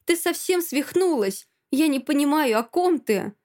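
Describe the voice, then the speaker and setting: Woman voicing a high, shrill, brazen young woman in an audiobook, spiteful. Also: animated, unhurried, darkish tone.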